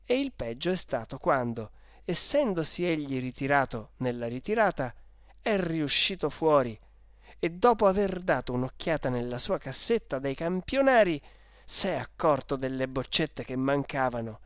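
A lively storyteller reading a first-person tale at a mid pitch. The recording is close and dry, with no room echo. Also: normal speed. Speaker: narrator. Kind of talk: audiobook narration.

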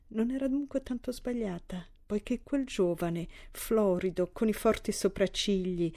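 A woman reading a literary story aloud as an audiobook narrator, in a calm and even storytelling manner. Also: lowish voice.

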